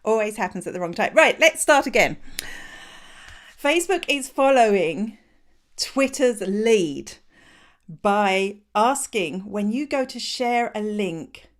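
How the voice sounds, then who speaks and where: A woman's voice: mid-range voice, expressive, takes it slowly. Chatty woman hosting a live show. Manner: chatty, laughs easily, talks straight to viewers. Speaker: host. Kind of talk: live-streamed news show.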